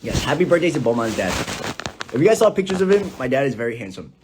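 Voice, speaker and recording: Giggly animated young man on a live stream. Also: medium pitch, quick pace, noisy background. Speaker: livestream host. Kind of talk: casual livestream chat. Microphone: phone.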